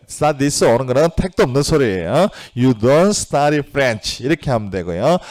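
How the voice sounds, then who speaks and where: A man teaching English grammar in a video lecture, explaining step by step and often checking with "right?" and reading English example sentences slowly. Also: medium pitch, darkish tone. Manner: explanatory, asks "그죠?" for agreement.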